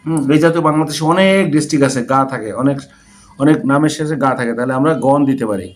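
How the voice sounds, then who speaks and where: A man teaching a language lesson, spelling out letters slowly and deliberately, one at a time. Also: fairly high pitch, soft background music. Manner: slow, deliberate letter-by-letter dictation. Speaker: English teacher.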